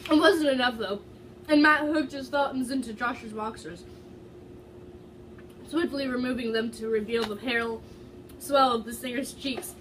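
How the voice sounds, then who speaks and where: This female fan fiction reader takes her time, leaving long pauses, and her high voice sounds a bit bright. Giggling and fumbling words, she delivers the story dramatically with casual asides. The distant mic catches faint noise behind her.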